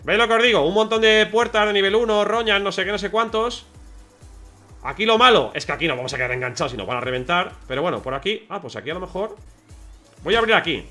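A man with a Spain Spanish accent giving chatty, excitable live gameplay commentary to his viewers. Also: high voice, quick pace, soft background music. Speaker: gaming streamer.

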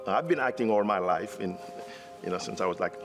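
A middle-aged Haitian theater director, whose first language is Haitian Creole, speaks earnestly with a Haitian accent in an interview from indoor theater seating, restarting often. His low voice is expressive and fairly quick, with music playing.

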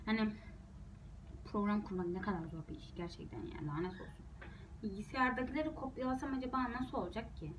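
A young woman, a university student, vlogs casually to her viewers, rambling and sounding frustrated. Her medium-pitched voice is brisk, and background noise can be heard.

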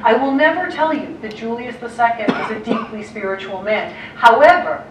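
Her voice fairly high, an American woman art historian addresses clergy in an energetic illustrated lecture, with rapid asides and quotes she acts out. A distant room mic captures her at a lectern far from the camera in a large, dim auditorium with a projector screen, leaving the sound echoey with a faint hiss.

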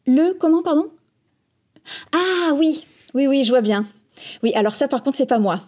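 A woman's voice: high-pitched, animated, normal speed, darkish tone. A woman playing a bumbling customer service agent, speaking in a phone-greeting manner in a comic training sketch. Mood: flustered, hesitant. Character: bumbling, slightly flippant call-centre customer service agent. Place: small office set, indoors. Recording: background music.

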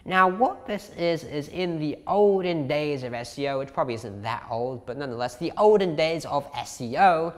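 A young adult man teaches an SEO course to camera from an indoor living room, chatty and emphatic, repeating key points as his voice tires from long talking. His voice is a little high and expressive, at a moderate pace with hardly any pauses, and the sound is that of a big room.

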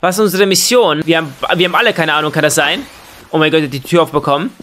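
A young man doing excitable Let's Play commentary, full of exclamations and questions and sprinkled with English slang. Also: a little high, fast talker, slight background noise. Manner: mixes English slang into German. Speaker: gaming YouTuber.

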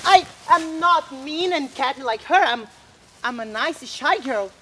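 A jealous tall young woman, high voice, lively and swooping, reproachful, pleading, outdoor stage play. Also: noisy background. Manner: pleading, reproachful, quick to take offence. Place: outdoor landscape performance.

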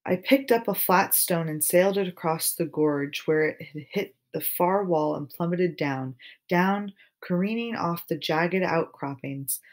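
Steady woman narrating an audiobook. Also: lowish voice, unhurried. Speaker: audiobook reader. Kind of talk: first-person audiobook narration.

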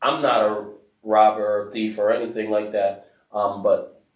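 A man from Africa telling a story in a casual discussion, soft-spoken with many fillers. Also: fairly low pitch, level tone, unhurried, phone-quality sound. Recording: roomy echo, mic at a distance.

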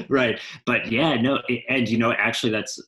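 Through a headset mic on a video call from home, a guest actor in his forties gives a casual interview in a medium-pitched, sharp-toned voice at a moderate pace. The recording is rough. His talk is rambling, full of asides, with frequent mid-sentence self-corrections.

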